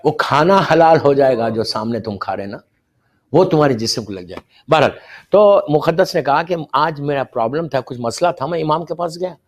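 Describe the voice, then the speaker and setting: A man preaching a religious sermon. He moves from hushed storytelling to loud, pleading exhortation and mixes English words into his speech. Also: a little high, lively intonation.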